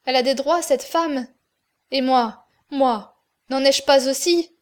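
A woman's voice: sits high, slow. A woman reading an anguished man torn by love. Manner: pleading, distraught, questioning. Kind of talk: audiobook reading.

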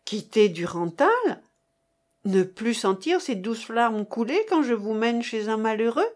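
Woman reading as a gentle pious young wife. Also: a little high, expressive, measured pace. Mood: pleading. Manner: pleading, tender, gently preaching.

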